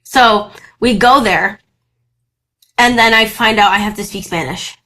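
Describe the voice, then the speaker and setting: A young Brazilian woman, native in Portuguese, chats as an actor guest in a casual interview. Her mid-range voice moves a little slowly, and she's lively, laughing often and restarting sentences.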